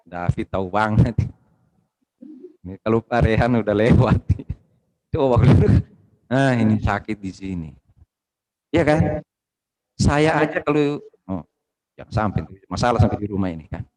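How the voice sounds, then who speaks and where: A man preaching a sermon with passion, rising to loud exclamations and dropping to low asides, joking casually with the congregation. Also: animated, a little slow, long pauses, low-quality recording. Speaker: pastor. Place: church service streamed online.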